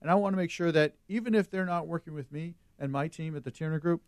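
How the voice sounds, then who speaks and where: A male real estate agent makes an earnest pitch at a quick clip. His voice sits slightly high. It is recorded close and dry. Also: dry recording.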